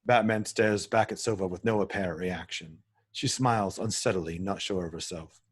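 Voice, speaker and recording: During a script table read, a man narrates the stage directions in a matter-of-fact way, occasionally stumbling on words. His voice sits low with a breathy edge, and he talks at a normal speed.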